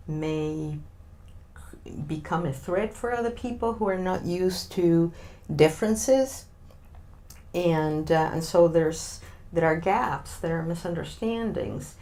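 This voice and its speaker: Slow, thoughtful Argentine woman. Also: deep voice, gravelly, darkish tone, a little hiss or hum. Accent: Argentine Spanish. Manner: thoughtful, many filler sounds, searching for words. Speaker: interview guest. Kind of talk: interview answers.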